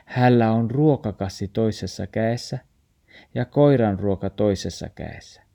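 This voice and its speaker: Calm guy reading a kids story, low, gravelly, mellow tone. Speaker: narrator.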